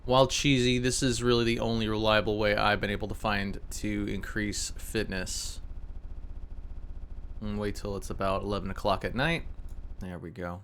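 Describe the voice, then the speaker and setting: Just woken up and still sleepy, a man streams a game with casual, meandering commentary full of filler words. His nasal voice sits on the low side at normal speed, with slight background noise.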